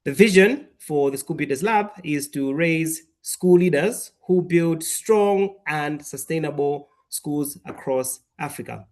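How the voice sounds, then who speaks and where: A man from Malawi giving an online webinar presentation on a video call, speaking in a measured, structured way with some fillers. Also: on the high side, a little mellow. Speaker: webinar presenter, programme alumnus.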